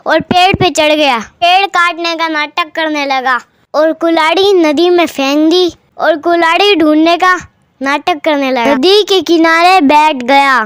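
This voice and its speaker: Very high-pitched slow storyteller. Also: a bit bright, no room sound, clean studio sound. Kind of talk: storybook narration.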